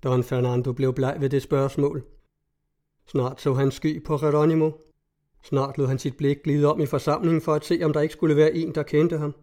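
A man reads classic prose aloud in a measured, formal storytelling manner. His voice is warm and mellow and sits a little high. The delivery is steady and deliberate. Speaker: narrator. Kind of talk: audiobook reading of classic prose.

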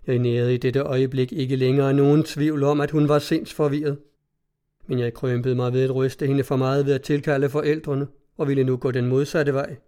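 Mellow-voiced man reading a story. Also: medium pitch, clean tone. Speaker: narrator. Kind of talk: scripted audiobook narration.

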